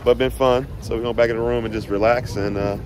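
A man's voice: mid-range voice, fairly even intonation, fast talker, background noise. A man in his thirties casually vlogging a road trip on a phone held at arm's length, chatting easily and repeating himself. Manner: easygoing, repeats phrases, chats to his son. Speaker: vlogger father. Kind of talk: casual travel vlog. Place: car, hotel and outdoors. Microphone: phone camera held at arm's length.

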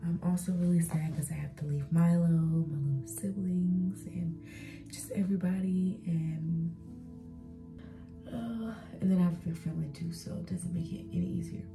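A woman's voice: fairly low pitch, steady tone, normal speed. An eighteen-year-old woman chatting casually into her phone camera for a vlog, rambling with lots of fillers. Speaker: vlogger. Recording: music playing underneath.

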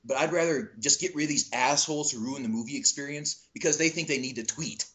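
Profane, animated young man. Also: medium pitch, quick pace, low-quality recording. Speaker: podcast co-host. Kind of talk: casual group chat.

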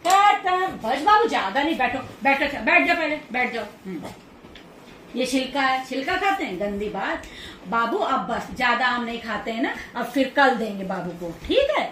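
A woman with a high voice chats to her pet dogs in coaxing baby talk, scolding them softly and laughing along the way. She is recorded at home. The room echoes, and she sits back from the mic with a faint hiss of noise behind her. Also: very animated, normal speed, far from the mic. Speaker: pet owner vlogger. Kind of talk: casual vlog, talking to pets.

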